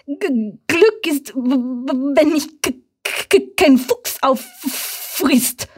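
A woman's voice: high voice, lively intonation, extremely slow, pitched above the performer's own voice, full character voice. A woman voicing a frightened male hare who stutters and trembles in a storybook. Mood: terrified.

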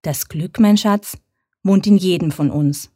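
A woman's voice: fairly low pitch, a little slow, no room sound, clean studio sound. A woman voicing a tender, loving mother fox in a bedtime story. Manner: gentle, loving.

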